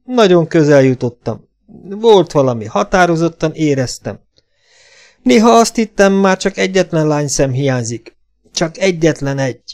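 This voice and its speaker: A man's voice: on the high side, animated, a little mellow, voice pushed up. A man voicing a bitter, washed-up older male ex-spy who drinks heavily, grumbling and complaining in an audiobook. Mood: brooding. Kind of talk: audiobook character voice.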